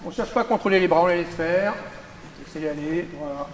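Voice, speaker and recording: A man's voice: a little high, quick pace. Man calling drills in an echoey gym. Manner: calls out drill commands, often shouting. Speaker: aikido instructor. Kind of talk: teaching a group class on the mat. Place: large gymnasium. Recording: echoey gym from far off, with noise.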